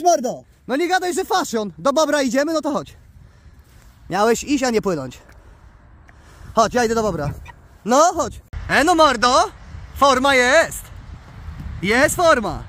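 A man vlogging outdoors by the water, excitedly coaxing his pet bird and calling its name. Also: extremely high pitch, measured pace, long pauses. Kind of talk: casual outdoor vlog.

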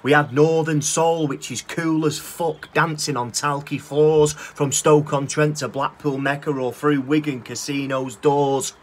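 A Northern English man in his thirties recites his own spoken word poem outdoors by a brick wall, filmed on a phone held at arm's length. His voice is a little high with little pitch movement, a little slow with hardly any pauses. The delivery is rhythmic and rhyming, cheeky and sweary.

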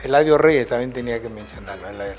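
With soft background music underneath, an older man from Peru talks fast in a medium-pitched voice and a Peruvian Spanish accent. The former football coach spins meandering anecdotes in this storytelling interview, regularly finishing with "right?" as a question.

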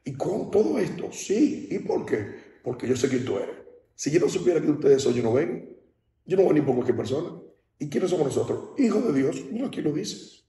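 A man's voice: fairly high pitch, big pitch swings, normal speed, dark tone, distant mic. A male pastor from the Dominican Republic preaching at a baptism, in a conversational style that keeps asking listeners whether they understand. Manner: conversational preaching, often asks "¿entiendes?". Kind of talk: sermon. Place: large hall at a baptism service. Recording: echoey hall, speaker off-mic.

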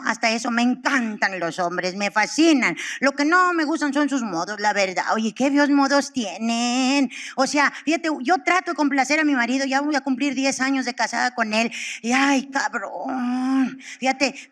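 A woman's voice: high-pitched, normal speed, a bit bright. A woman in her thirties with a Mexican accent, doing stand-up comedy, crude and profane as she acts out characters.

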